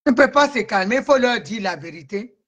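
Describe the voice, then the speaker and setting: A woman's voice: on the high side, lively intonation, fairly quick. A woman hosting a live stream, ranting in an agitated way and answering commenters by name. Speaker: livestream host. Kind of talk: heated live-stream rant.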